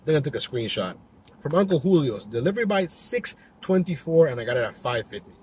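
A young man records a casual driving vlog on a dash-mounted camera, chatting loosely with frequent fillers and restarts. His voice is on the high side and darkish, brisk and very animated. Faint car noise hums along.

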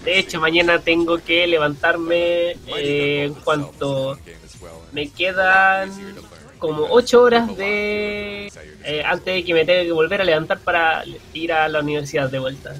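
Young Chilean male commentator, slightly high voice, easygoing, faint music behind. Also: measured pace, a bit bright. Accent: Chilean Spanish. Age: young adult. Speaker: speedrun commentator. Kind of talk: casual live-stream commentary chat.

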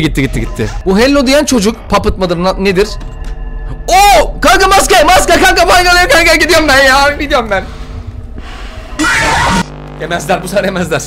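A man's voice: sits high, fairly bright tone. A young man giving slangy, jittery commentary while playing a horror game, often yelping and laughing when scared. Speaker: gameplay streamer.

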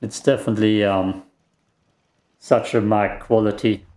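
With a warm, fairly low voice and fairly even intonation, a German-native let's play gamer talks a little slowly over gameplay. His casual commentary rambles, reacts aloud to the game, and turns self-deprecating, recorded on a desk microphone.

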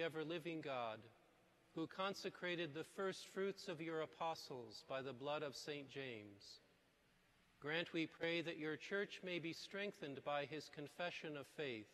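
A man's voice: fairly high pitch, a bit bright. A man presiding as priest, intoning formal prayers at Mass in a large basilica, with cathedral echo around his voice. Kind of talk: liturgical prayer. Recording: long cathedral reverb in a basilica.

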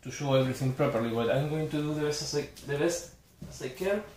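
In a small bedroom indoors, where the echo is noticeable and there's slight background noise, an Argentine man with a highish, darkish voice chats to the camera. A native Spanish speaker with an Argentine accent, he shows his collector's haul, naming titles singly in a halting, apologetic manner.

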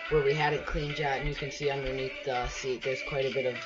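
Young man, casual voice-over, rambling with fillers, middle pitch, music underneath. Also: flat delivery, fast talker, lo-fi sound. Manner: rambling, many fillers and restarts. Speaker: sailing vlogger narrating his boat work. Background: background music.

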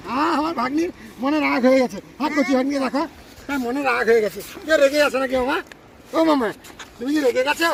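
A man's voice: extremely high pitch, fast, creaky, a little hiss or hum. A man filming a casual family travel vlog, chatting, teasing his relatives and breaking into song, first on a beach at night and then at dinner. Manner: chatty, teasing family members, bursts of singing. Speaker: vlogger.

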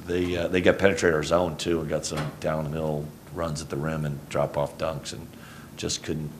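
A very deep, gravelly male voice with an even, flat delivery. He is a middle-aged basketball coach at a postgame press table, rambling and correcting himself as he answers. Faint hum in the room. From Houston, Texas. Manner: rambling, self-correcting, low-key. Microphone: table mic on a stand.

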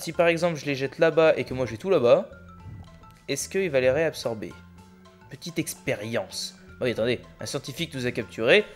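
A man giving casual, chatty commentary while playing a video game, exclaiming and thinking aloud. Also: on the high side. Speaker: let's play gamer.

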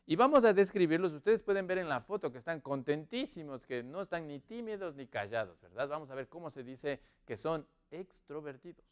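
A man teaching English to Spanish-speaking learners in an online lesson. He drills words and model sentences, saying them slowly and repeating them between quicker explanations. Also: fairly high pitch, lively intonation, clean tone.

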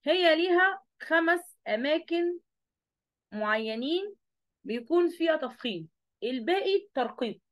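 A woman's voice: high-pitched, expressive, a little slow. A woman teacher with an Egyptian Arabic accent giving an online review lesson, asking questions and answering them herself.

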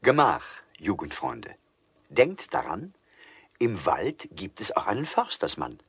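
A man's voice: low voice, takes it slowly. A man narrating a rhymed fairy tale with mocking humor, switching into voices for the characters. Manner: lively, mocking storyteller voicing characters. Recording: studio record with music behind.

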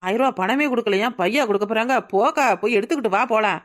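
A woman's voice: fairly high pitch, racing, lightly acted. A woman voicing a pushy young village neighbor in a cartoon, nagging and urging, with a Tirunelveli Tamil accent. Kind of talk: cartoon voice acting.

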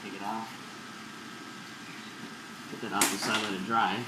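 Young guy, vlogger muffled through a gas mask, rambling and casual, echoey room with loud noise behind. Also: fairly low pitch, measured pace. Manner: relaxed, rambling, filler-heavy. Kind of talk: casual product demo.

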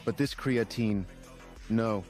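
An actor playing a vain bodybuilding dark lord, declaiming pompously in a fantasy film parody. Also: male voice, lowish voice, slow pace, soft background music. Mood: grandiose.

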